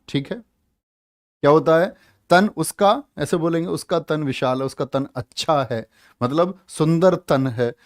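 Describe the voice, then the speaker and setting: A man's voice: fairly high pitch, darkish tone. A man teaching a Hindi grammar exam-prep class, quizzing and scolding students and stretching out letter sounds as he spells them. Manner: scolds and teases students, drills answers with repeated questions.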